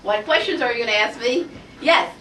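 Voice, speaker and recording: A woman teaching a Hebrew phonics lesson to a class, energetic and coaxing, asking the group question after question. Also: on the high side, a little fast, a little hiss or hum. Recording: roomy classroom audio from far off.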